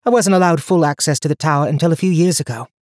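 A man's voice: on the high side, quick pace, a little mellow, dry recording, studio quality, voice pushed up, close to an everyday voice. A man reading an audiobook, voicing a determined, capable young woman traveler who talks earnestly and rambles when tired.

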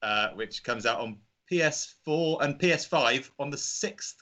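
A man's voice: medium pitch, animated, a little slow, bright, forceful tone. A man talking casually as a guest in an informal interview. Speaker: indie game developer, podcast guest.

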